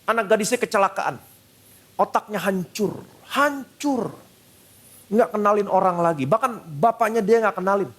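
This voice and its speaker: A man's voice: high-pitched, moderate pace, fairly bright tone. A male pastor preaching a sermon at a church service, emphatic and repeating short phrases, with English phrases mixed in.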